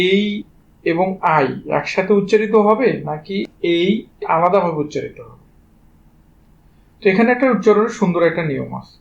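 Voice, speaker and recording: A man's voice: high voice, dull audio. A man with a Bangladeshi Bengali accent teaching English pronunciation, spelling each word out letter by letter and speaking informally to his students. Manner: spells words letter by letter before saying them; addresses students directly and informally. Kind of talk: spelling-based pronunciation lesson.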